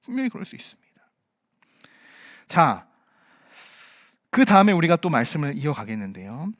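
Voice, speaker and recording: Male pastor, sermon; high, expressive pitch; plays out quoted lines, loud to hushed. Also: normal speed, no echo, studio quality. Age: parent. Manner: acts out quoted voices, swings from loud to hushed.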